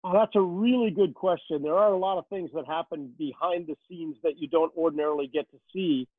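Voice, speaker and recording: A man's voice: a little high, a little fast, no room sound. A man who works as a rinkside hockey reporter answers interview questions in a chatty, storytelling way, full of "uh" fillers. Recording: tinny phone line.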